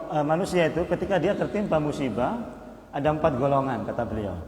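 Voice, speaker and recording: Guy preaching a mosque study class, kinda high voice, big echoey hall with long reverb. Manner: lively, repetitive, with chuckles and asides to listeners.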